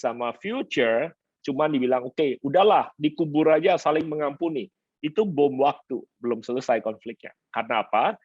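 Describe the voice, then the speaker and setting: A male pastor teaching a conference session, lively and animated, mixing in English words and acting out quoted couples. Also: breathy edge, dry recording, highs cut off. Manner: lively, acts out quoted couples in higher voices; mixes English words into speech. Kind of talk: seminar teaching talk. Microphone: conference stream.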